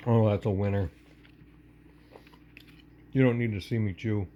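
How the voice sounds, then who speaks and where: A man's voice: on the low side, fairly even intonation, lo-fi sound, slight background noise. A man casually showing off a home-cooked snack in a chatty, folksy cooking vlog from his cabin kitchen, filmed on a handheld phone. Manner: folksy, chatty, unhurried show-and-tell.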